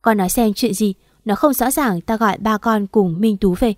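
A woman's voice: mid-range voice, moderate pace, no room sound, studio quality, lightly acted. A woman voicing a stern older matron who speaks with irritated authority, in a read-aloud story. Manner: irritated, commanding.

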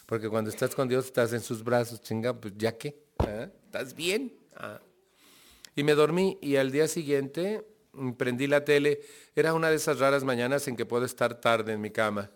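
A man with a Mexican Spanish accent and a mid-range voice shares his personal testimony with a recovery group at a moderate pace. He's conversational, laughs often and checks in with his listeners.

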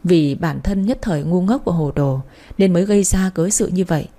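Brief: woman storyteller, warm and mellow, steady dramatic narration. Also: lowish voice, fairly quick.

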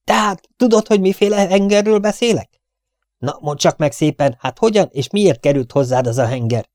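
A man playing a gruff, impatient army captain. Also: mid-range voice, lively intonation, dark tone, no echo, clean studio sound, lightly acted. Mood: gruff, interrogating. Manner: blunt, interrogating.

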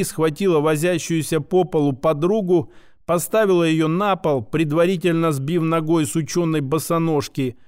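Smooth-voiced male audiobook narrator. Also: on the high side. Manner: lively storytelling, voices all characters.

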